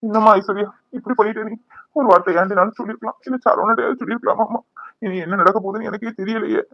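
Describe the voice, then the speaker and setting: A man voicing a worried older father-in-law who pleads and reproaches gently in a cartoon serial. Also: high voice, fairly even intonation, fast talker, gravelly, no echo, lo-fi sound. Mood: reproachful.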